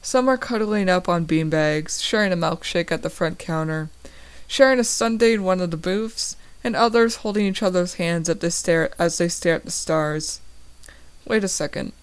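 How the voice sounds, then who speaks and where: A woman reading her first-person story aloud in a plain, slightly halting way with small slips. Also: on the low side, smooth. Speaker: reader of a story.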